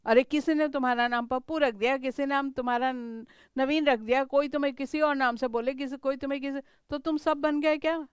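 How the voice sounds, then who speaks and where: A woman's voice: high-pitched, fairly even intonation, a little fast, few pauses, dry recording. A middle-aged woman with an Indian English accent teaching a grammar lesson. She mixes Hindi and English and keeps checking whether her students understand.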